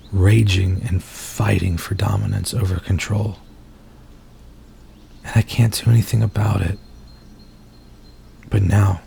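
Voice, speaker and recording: A man voices a tormented werewolf in human form for ASMR, begging softly in a halting, confiding manner. His tone is gravelly, lowish and warm, with a little background noise in the recording.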